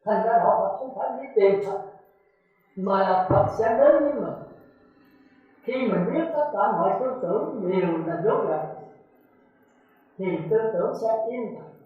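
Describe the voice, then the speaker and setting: A man's voice: high voice, expressive, unhurried, long pauses. A man, a Buddhist monk, giving a dharma talk with emphatic rhetorical questions to his listeners. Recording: echoey, phone-like lo-fi recording.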